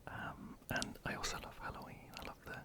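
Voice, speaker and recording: An ASMR creator, whispering softly and hesitantly while answering viewer questions into a close microphone. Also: a little fast. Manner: soft, hesitant, many ums and restarts.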